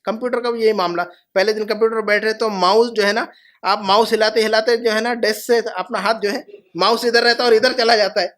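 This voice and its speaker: A middle-aged man teaching Arabic to a class, patiently repeating each phrase slowly. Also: sits high, steady tone, a bit bright. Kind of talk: classroom lesson.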